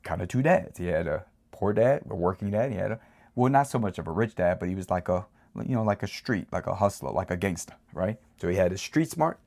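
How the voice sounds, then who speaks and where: Low-voiced man giving casual advice. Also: creaky, darkish tone. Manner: rambling, repeatedly asks "right?". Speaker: channel host. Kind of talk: casual motivational talk.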